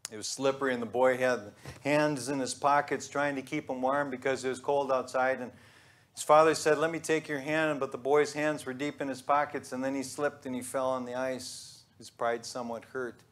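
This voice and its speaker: A man's voice: medium pitch, little pitch movement, fairly bright tone. A man in his thirties, a pastor giving a conversational, joking sermon in a church sanctuary. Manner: conversational and joking, with pauses and restarts.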